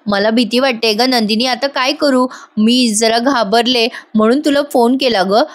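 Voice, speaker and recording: A distraught woman from a TV soap, pleading and tearful, as a woman reading the story puts her on. The voice sits high and rises further when she gets indignant. She is frightened for someone she loves. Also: normal speed, natural voice. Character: distressed woman caller, frightened sister-in-law.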